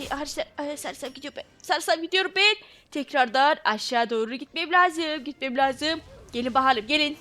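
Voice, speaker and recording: A woman's voice: high-pitched, sharp tone. A woman commentating her own gameplay as a channel host, exclaiming, laughing and repeating her phrases.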